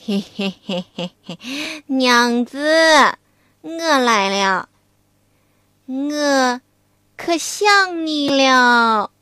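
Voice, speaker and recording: A woman voicing an ugly, greedy pig demon who speaks in a slow, leering drawl with chuckles. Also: high-pitched, expressive, pushed and bright, clean tone, no echo, clean studio sound, heavily acted.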